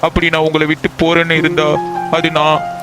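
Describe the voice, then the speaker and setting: Guy voicing a devoted cartoon boyfriend, earnest and coaxing, a bit high voice, loud music behind. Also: monotone, brisk, close to an everyday voice, poor audio. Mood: pleading. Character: devoted young man, earnest and pleading lover. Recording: loud background music over dialogue.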